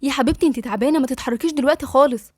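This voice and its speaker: A woman's voice: high-pitched, rapid-fire, no room sound, clean studio sound. A woman with an Egyptian accent voicing an affectionate, coaxing young woman friend in an audiobook. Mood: soothing. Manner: coaxing and teasing. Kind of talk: audiobook dialogue reading.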